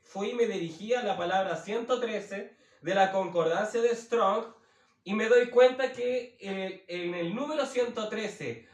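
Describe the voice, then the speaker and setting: A man teaching the Bible as a preacher, slowly repeating and rephrasing himself with many fillers. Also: high voice, distant mic. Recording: roomy, from away from the mic.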